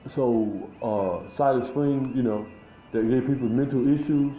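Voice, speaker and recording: A man talking in a rambling, halting way, full of fillers and restarts, in a casual monologue recorded outdoors. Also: mid-range voice, mellow, echoey room, faint music behind, rough recording.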